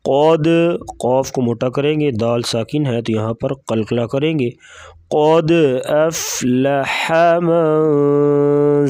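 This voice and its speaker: A man teaching Quran recitation, explaining pronunciation rules step by step in a brisk, methodical way. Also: mid-range voice, a little mellow, dry recording.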